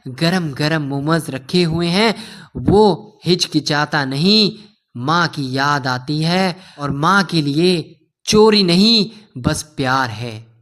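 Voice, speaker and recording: Slow, heartfelt male storyteller. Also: fairly high pitch, expressive, fairly bright tone. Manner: addresses listeners as friends, heartfelt. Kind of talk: emotional storytelling narration.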